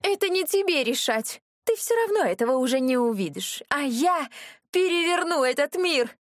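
A woman voicing a haughty, crazed young noblewoman villain who talks in a shrill, domineering, threatening way. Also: lively intonation, normal speed, no room sound, studio quality. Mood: raging.

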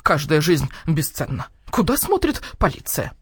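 A woman doing a fussy, low rook doctor. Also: very animated, moderate pace, husky, no room sound, studio quality, full character voice. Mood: shaken. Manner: indignant, lecturing, fussy. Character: fussy, self-important male rook doctor.

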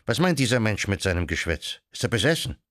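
A man's voice: on the low side, sing-song, brisk, a bit bright, no room sound, clean studio sound. A man reading an audiobook and voicing an irritable, petty-minded male church judge with coarse, common speech. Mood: officious. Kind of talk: audiobook character voice.

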